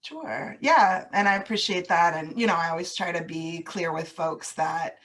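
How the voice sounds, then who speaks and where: A woman with a fairly low voice and moderate pace talks casually as an interview guest about growing up overseas on US military bases. She's warm and reflective and laughs easily.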